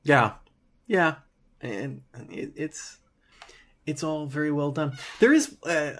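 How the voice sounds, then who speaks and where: A man from the United States co-hosting a podcast, chatting casually and rambling with lots of restarts. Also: medium pitch. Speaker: podcast co-host. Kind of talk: casual chat.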